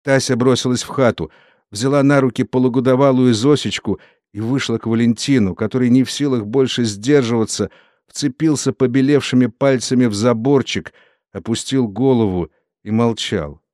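Brief: male audiobook narrator, solemn and steady, average pitch, dry studio sound. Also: moderate pace, no room sound. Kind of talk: scripted literary narration.

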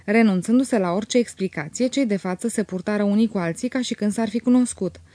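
A woman narrating a literary audiobook with a mellow, warm tone. Her reading is measured and expressive, and it sounds dry and close to the mic with no room around it. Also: medium pitch, no room sound.

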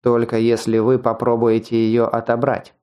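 A sardonic bearded swordsman from an audiobook, mocking his foes with dry condescension, as a male narrator puts him on. The voice sits low and mellow, at an ordinary pitch. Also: monotone, normal speed, clear, resonant tone, natural voice. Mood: wry. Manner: wry and condescending, angry when wronged.

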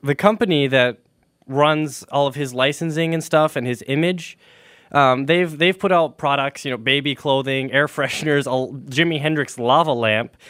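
A young man hosts a college radio show in a loose, rambling chat, full of fillers and restarts. His voice sits at an ordinary middle pitch. The studio mic sounds close and dry. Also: normal speed, a bit bright, clear, resonant tone, no room sound. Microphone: studio microphone.

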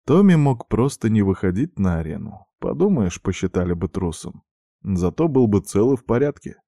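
A man reading a novel aloud as narrator with expressive storytelling. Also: lowish voice, normal speed, no echo, clean studio sound. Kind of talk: audiobook narration.

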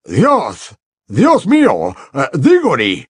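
Male reader doing a high, breathy, panicky official; slow, stammering, wildly swinging delivery. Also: wildly swooping pitch, no echo, full character voice. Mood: panicked. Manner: frantic, halting with fillers. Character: flustered panicky male minister, middle-aged.

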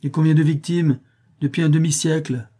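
A man's voice: a little high, steady tone, normal speed, mellow, slightly rough, pitched above the performer's own voice. A man voicing a skeptical young man who argues insistently. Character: young man, doubtful and disappointed.

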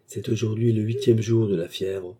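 A man reading aloud, voicing a fake doctor who speaks in a grave, solemn, hushed way, with a husky voice. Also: fairly low pitch, fairly even intonation, moderate pace.

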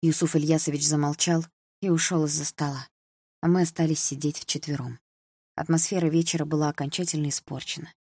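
A woman reading a first-person novel aloud as an audiobook, in a measured storytelling manner. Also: low voice, little pitch movement, darkish tone, breathy edge, no room sound, clean studio sound. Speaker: audiobook narrator.

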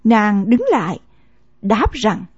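A woman reading a novel aloud as an audiobook narrator, in measured storytelling narration, in a dull, lo-fi recording. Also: medium pitch, lively intonation, a little mellow, slightly rough, dry recording.

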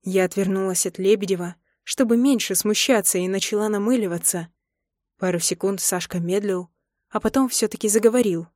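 A woman reading a novel aloud in first person, expressive and dramatic. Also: medium pitch, brisk, no echo, studio quality. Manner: expressive, acts out emotional dialogue. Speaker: audiobook narrator. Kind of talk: first-person audiobook narration.

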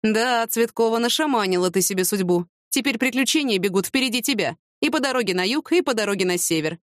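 A woman's voice: fairly high pitch, expressive, fast, no echo, clean studio sound, natural voice. A woman voicing a wry, grumbling middle-aged police major who teases his companion.

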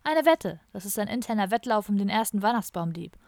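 A woman's voice: mid-range voice, fast talker, a little mellow, no echo, lightly acted. A woman voicing a bossy male police officer who barks orders in an officious way. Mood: barking. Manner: barking, officious. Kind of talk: audiobook character voice.

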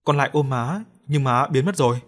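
A man's voice: mid-range voice, brisk, a bit bright, close to an everyday voice. A man voicing a small grieving boy in a spoken audio story, with a tearful, pleading manner. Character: small boy grieving, crying for his dead mother.

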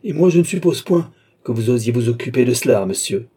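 A man's voice: mid-range voice, animated, measured pace, breathy edge. A man reading an audiobook, voicing a proud young noblewoman who is furious and contemptuous. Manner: shouting, raging, contemptuous. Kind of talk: audiobook character voice.

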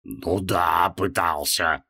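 A man reading an audiobook, voicing a weary, sardonic male demon prisoner in a low, subdued drawl. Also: drawn-out words, vocal fry, pushed and bright, husky, exaggerated voice.

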